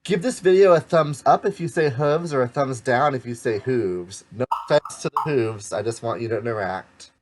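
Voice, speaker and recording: A man's voice: mid-range voice, a little fast, hardly any pauses, a little hiss or hum. A man from the Pacific Northwest hosting a let's play, chatting in an upbeat way and guiding the player. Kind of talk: casual chat.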